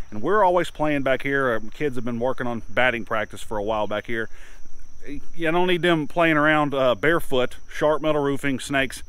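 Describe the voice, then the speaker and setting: A man's voice: medium pitch, a bit bright, dry recording. A man in his thirties talking through a farm project in a casual outdoor vlog, chatty and plain-spoken with lots of fillers, filmed on a camera held at arm's length in a grassy yard. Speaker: homesteader vlogger. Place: outdoors in a grassy farmyard by a metal building. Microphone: action camera held at arm's length.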